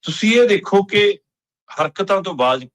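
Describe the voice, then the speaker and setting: A man's voice: high-pitched, expressive, moderate pace, a bit bright. A man giving emphatic political analysis on a talk show, pressing pointed questions.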